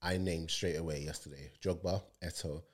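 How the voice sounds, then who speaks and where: A man, co-hosting a casual football podcast, animated and talking over his co-host. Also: sits low, moderate pace.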